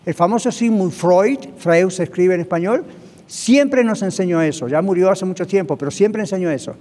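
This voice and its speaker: A man's voice: high voice, moderate pace, mellow, long reverb tail. A man preaching a sermon, emphatic and often checking in with the congregation. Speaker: pastor. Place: church hall, also broadcast on radio.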